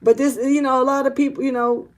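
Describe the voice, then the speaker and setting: A woman with a high-pitched, level voice talks fast as she gives a casual spiritual tarot reading. She's loose, rambling and blunt, full of slang and cursing, earnest and urgent, and she keeps repeating herself and starting over.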